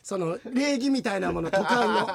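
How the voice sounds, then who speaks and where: A man co-hosting a radio show who reads listener mail and teases his partner with quick, animated banter. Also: sits high, vocal fry. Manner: fast, animated, teasing, breaks into laughing shouts.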